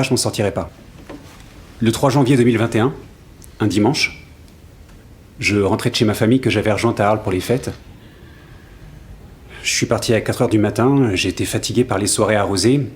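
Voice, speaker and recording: Acteur en témoin trentenaire, voix grave, sincère. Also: male voice, fairly low pitch, slight background noise, close to an everyday voice. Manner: hesitant, earnest witness account. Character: grateful 35-year-old travelling salesman testifying in court.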